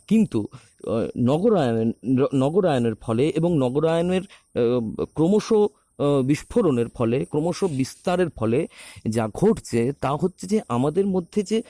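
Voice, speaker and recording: A theatre director and actor talking reflectively, with many pauses and restarts, recorded on a phone. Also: male voice, fairly high pitch, warm tone, no room sound. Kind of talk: recorded talk on a podcast.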